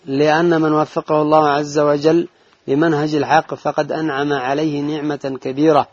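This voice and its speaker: A man reading a religious text aloud in a lesson, in a measured recitation with brief asides. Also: on the high side, level tone, no echo. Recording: dull lo-fi dry recording.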